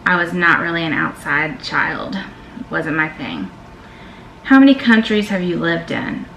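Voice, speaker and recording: A middle-aged Southern vlogger responds to tag questions in a relaxed but emphatic way, frequently saying "y'all," her voice low, expressive, a little slow, creaky, and somewhat bright. Faint ambient noise fills the echoey room.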